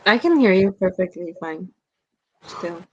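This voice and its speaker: Lowish woman's voice on a muffled far-off video call, bad connection, thoughtful and halting. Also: lively intonation, slightly rough. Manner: reflective, hesitant, many fillers. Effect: muffled, lo-fi video call line from a distance. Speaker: student leader. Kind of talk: video call panel discussion. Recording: dull lo-fi remote call audio.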